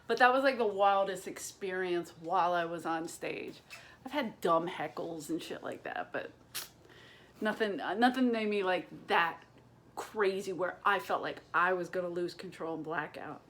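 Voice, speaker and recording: A woman's voice: on the low side, normal speed. A woman stand-up comedian talking straight to a camera propped on boxes and books at home. She tells a story in a loose, casual way, full of swearing. She acts out the voices of the people in it as she goes. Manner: profane, animated storytelling with acted-out quotes.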